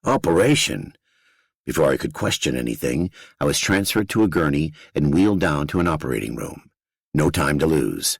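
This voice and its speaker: Very deep, gravelly male narrator. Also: expressive, moderate pace, no room sound, clean studio sound. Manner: blunt, gritty, profane storytelling. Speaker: audiobook narrator. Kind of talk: first-person true crime audiobook narration.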